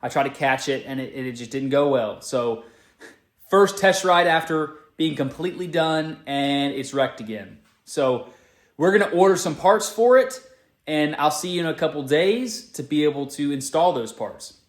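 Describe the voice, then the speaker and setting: Male vlogger, slightly high voice, informal and plain-spoken, recorded in an echoey space. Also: lively intonation, moderate pace. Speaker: vlogger, hobby motorcycle mechanic. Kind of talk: casual vlog commentary on a repair.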